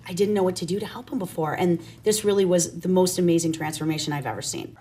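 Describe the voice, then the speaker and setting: A woman's voice: lowish voice, fast, dark tone, a little hiss or hum. A woman guest telling an emphatic, anecdotal personal testimonial in an interview.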